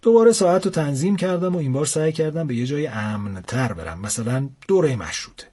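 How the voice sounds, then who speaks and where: A young man narrating a comic first-person adventure in a casual, lively storytelling manner. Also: a little high, husky. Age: young adult.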